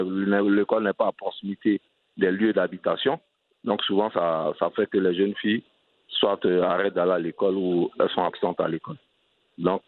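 A man's voice: deep voice, no echo. A man with an Ivorian French accent, a cycling advocate answering interview questions earnestly and often restarting his phrases. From Côte d'Ivoire. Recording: dry, tinny phone-line sound.

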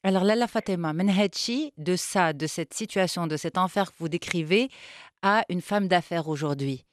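A man's voice: high voice, a little fast, no room sound. Polite hesitant male interviewer, dry sound. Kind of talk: interview questions.

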